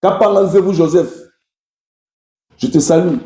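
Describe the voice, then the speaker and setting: In an echoey room, a Kasai man with a Congolese French accent and Tshiluba as his first language speaks unhurriedly to his followers in passionate political commentary. His high voice is creaky and dark, and he talks emphatically and repetitively, addressing listeners directly.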